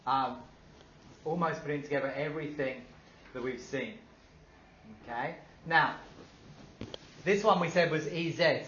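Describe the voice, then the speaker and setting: An upbeat male teacher running a classroom lesson, quizzing the class and praising their answers. His voice sits a little high for a man. It is recorded in an echoey room, with a dull, slightly muffled sound and faint noise behind. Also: a little slow, pauses often, fairly bright tone.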